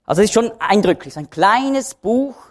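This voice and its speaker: A man's voice: sits high, expressive, brisk. A man giving a Bible study lecture, explaining patiently and repeating key phrases for emphasis. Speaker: Bible teacher.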